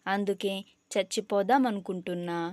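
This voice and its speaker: A woman's voice: medium pitch, moderate pace, darkish tone, no echo, natural voice. A woman voicing a dramatic young female student who whines and pleads tearfully in a storybook. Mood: melodramatic whining. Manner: whiny, melodramatic pleading.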